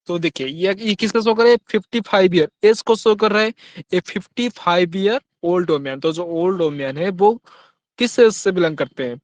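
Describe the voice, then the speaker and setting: A man teaching grammar in Hindi, reading examples slowly and then asking his students quick questions. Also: high-pitched, no echo. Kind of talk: Hindi-English grammar lesson.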